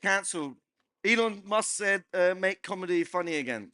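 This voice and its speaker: A man's voice: high-pitched, animated, normal speed, pushed and bright, dry recording. A man hosting a casual panel Q&A, bantering, laughing often and prodding the guests for questions. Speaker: host. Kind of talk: lively panel Q&A chat.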